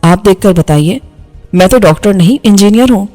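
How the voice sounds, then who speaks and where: A woman's voice: medium pitch, animated, mellow, natural voice. A woman voicing an angry, bitter young male engineer who speaks harshly in audiobook dialogue, over faint background music. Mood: cheerful. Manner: harsh, scolding delivery.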